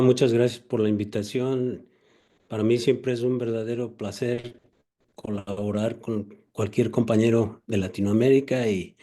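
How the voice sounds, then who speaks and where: A man's voice: mid-range voice, mellow. An older man, recounting his veterinary career as an interview guest in a courteous, methodical way.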